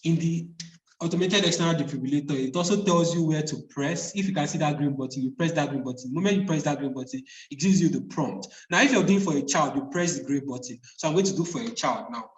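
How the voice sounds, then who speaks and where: A man with a fairly high voice gives an instructive live demonstration as a trainer, repeating his key points. He is a little distant from the microphone in a clearly echoey room. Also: fast. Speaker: first aid trainer. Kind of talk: live hands-on demonstration, narrating each step. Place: indoor room, speaking away from the mic.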